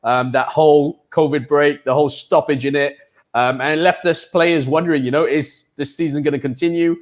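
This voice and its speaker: A chatty man hosts a casual online football show in a fairly high voice. He talks in an upbeat, loose way and leans on plenty of fillers as he goes. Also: fairly even intonation, brisk. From United Kingdom. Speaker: host and football pundit.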